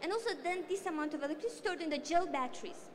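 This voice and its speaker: A woman with a high voice and an Azerbaijani accent fields questions as a startup founder. Her English is halting and repetitive, and the hall adds long reverb and faint noise. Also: expressive. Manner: halting, repetitive phrasing in non-fluent English. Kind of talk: pitch competition question-and-answer. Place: large event hall.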